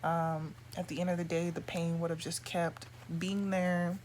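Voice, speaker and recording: Rambling woman vlogger, lowish voice, noisy background. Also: flat delivery, a little slow, a little mellow. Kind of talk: casual chat to camera. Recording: clear background noise.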